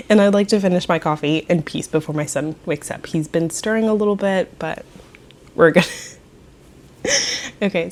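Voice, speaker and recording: A woman hosting a knitting podcast, chatting casually and giggling, keeping her voice quiet in her morning voice at home. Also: on the low side. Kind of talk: casual chat.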